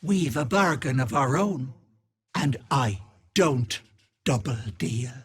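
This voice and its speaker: An actress playing a wicked old hag who poses as a kindly auntie in a video game, sly, wheedling and sharp-tongued, with sugary endearments. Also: female voice, rumbling low, animated, takes it slowly, breathy edge, full character voice. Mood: sly, bargaining. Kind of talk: game voice acting, theatrical.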